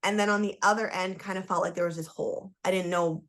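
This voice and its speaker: Lower-voiced woman, candid storyteller. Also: steady tone, fast, fairly bright tone. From Toronto, Canada; born in Trinidad and Tobago. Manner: candid, emphatic, with frequent "like" fillers. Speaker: guest, human design coach. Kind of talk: casual podcast storytelling.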